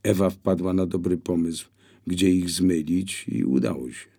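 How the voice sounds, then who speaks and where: A man's voice: low-pitched, measured pace, creaky, heavily acted. Man reading a shy, apologetic guest. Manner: quiet, hesitant.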